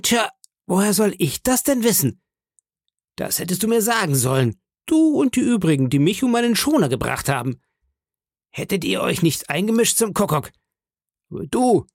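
A man's voice: high-pitched, gravelly, no echo, studio quality, pitched above the performer's own voice, exaggerated voice. A man voicing a cunning older male pirate leader who talks in a scornful, threatening way, in a storybook reading.

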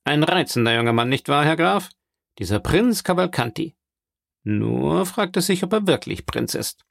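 A man voicing a self-important, blustering banker in an audiobook, pompous and animated. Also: on the high side, normal speed, gravelly, dry recording, clean studio sound, pitched above the performer's own voice. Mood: boastful.

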